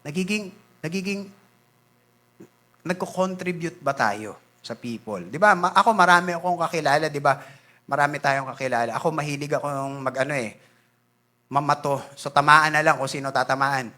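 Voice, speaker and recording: A male pastor from the Philippines preaching a sermon in an animated way, switching between Tagalog and English and acting out church members. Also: a little high, moderate pace. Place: church sanctuary.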